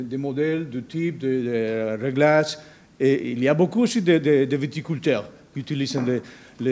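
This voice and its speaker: A non-native speaker from Spain with a Spanish accent, this man gives a conference presentation as a researcher, halting and searching for words in foreign-accented speech. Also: medium pitch, darkish tone. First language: not a native French speaker. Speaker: university researcher giving a presentation.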